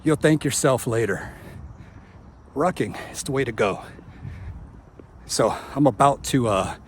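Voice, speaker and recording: A man's voice: mid-range voice, animated, unhurried. A man in his fifties talking casually to camera during outdoor exercise, out of breath and speaking with a missing front tooth. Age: 50s. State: winded, out of breath. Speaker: fitness vlogger. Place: outdoors on a walking route. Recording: outdoor noise, passing vehicle sounds.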